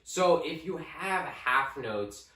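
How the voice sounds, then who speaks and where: A man's voice: a little high, animated, slow pace, bright, forceful tone, distant mic. A young man co-hosting a music lesson, explaining casually and conversationally with fillers. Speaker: co-host music teacher. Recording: roomy echo, away from the mic.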